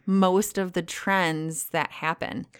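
A woman's voice: on the low side, fairly even intonation, takes it slowly, clean tone. A woman in her thirties co-hosting a casual podcast chat, candid and profane, laughing often. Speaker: podcast co-host.

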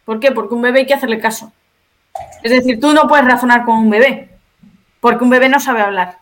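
A woman's voice: a little high, fairly even intonation, a little fast. A woman with a Spain Spanish accent, a video creator explaining her points one by one as a podcast guest. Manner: explanatory, methodical, lays out points. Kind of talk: podcast conversation.

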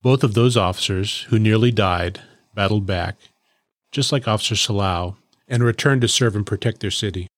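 A middle-aged man, a former police officer, telling a case story in a reflective, steady way on a podcast. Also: fairly low pitch, normal speed, no echo, studio quality. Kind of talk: podcast commentary.

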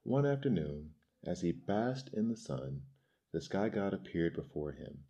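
Man, very low voice, storybook narrator, calm measured reading. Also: dull audio.

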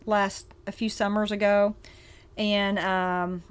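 A woman's voice: medium pitch, little pitch movement, takes it slowly, clean tone. Bubbly woman hosting a book chat. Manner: bubbly, laughs often, leads trivia. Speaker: podcast co-host. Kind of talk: casual book-club chat.

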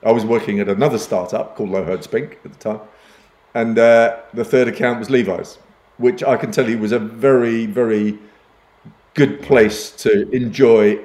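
An older man who grew up in Uganda and Kenya appears as a podcast guest, an advertising executive in a conversational interview. His medium-pitched voice is steady, a little mellow, and moderately paced in a roomy space. He's self-deprecating and often restarts his sentences.

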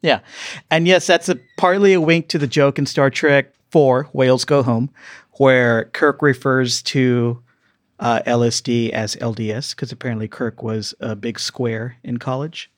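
A man's voice: medium pitch, fairly even intonation, unhurried, no echo. Podcast host guy, joking around, keeps things moving, dry close mic. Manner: joking, leads the segments. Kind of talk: casual chat. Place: studio, live stream.

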